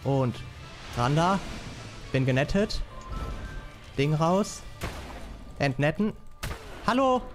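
Excited gamer with slang. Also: male voice, on the high side, slow pace, long pauses, soft background music. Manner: excited, slangy, swears often. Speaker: gaming YouTuber. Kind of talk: live gameplay commentary. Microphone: studio mic.

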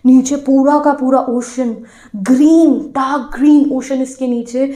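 A woman teacher retelling a story to her students in a lively way, asking them questions as she goes. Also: high-pitched, measured pace, reverberant. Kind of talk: storytelling lesson explanation.

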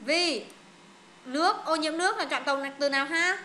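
Bright and high-voiced, this English tutor pushes her students through exam questions at a brisk clip, giving firm directions. Wrong answers get corrected firmly, and the drill never stalls.

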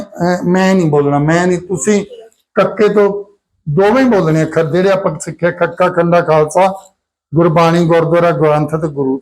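ਇੱਕ ਪੁਰਸ਼ ਅਧਿਆਪਕ ਕਲਾਸ ਨੂੰ ਗੁਰਮੁਖੀ ਅੱਖਰ ਸਿਖਾਉਂਦਾ ਹੈ, ਧੀਰਜ ਨਾਲ ਅੱਖਰ ਦੁਹਰਾਉਂਦਾ ਹੈ ਅਤੇ ਬੱਚਿਆਂ ਤੋਂ ਜਵਾਬ ਬੁਲਵਾਉਂਦਾ ਹੈ।. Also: male voice, sits high, a little mellow, poor audio. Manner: patient, repeats letters and prompts pupils to answer. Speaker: Punjabi alphabet teacher. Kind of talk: classroom lesson with call-and-response.

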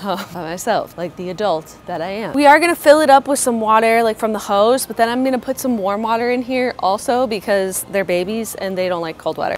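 A young woman chats to her camera outdoors, her voice a touch high and her humor dry and sarcastic. She laughs often as she talks. Faint background noise sits under the recording. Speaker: vlogger. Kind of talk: casual vlog chat. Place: outdoors in a yard.

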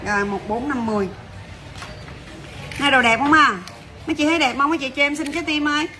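High bright chatty saleswoman. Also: slight background noise. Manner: chatty, brisk, calls out to viewers. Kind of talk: fast livestream sales patter.

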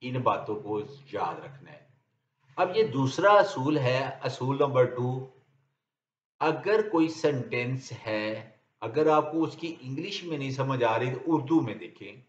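A man with a Pakistani Urdu accent teaching English grammar in a lecture, reading his example sentences very slowly and deliberately. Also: medium pitch, animated. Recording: dull, roomy lecture recording.

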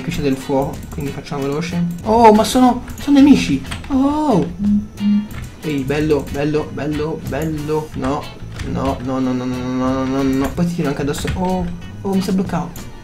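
Male gamer commentating his own play, jumpy and loud at surprises, casual swearing, faint music underneath. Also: mid-range voice. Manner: excitable, reactive, swears casually, talks to viewers. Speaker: gaming YouTuber. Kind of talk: gameplay commentary.

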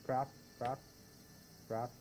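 Man, echoed voice-chat playback of his own gaming callouts; dark, mellow tone. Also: mid-range voice, level tone, very slow, slight background noise. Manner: short scattered callouts while playing. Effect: voice echoing back faintly through the voice chat, repeating his phrases. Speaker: gamer streaming with friends.

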